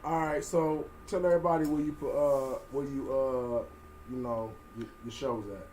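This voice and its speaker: A man's voice: mid-range voice, steady tone, normal speed, darkish tone, slight background noise, poor audio. A man hosting a casual talk show, laid-back and agreeable, often chiming in with short affirmations. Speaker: host. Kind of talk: casual chat.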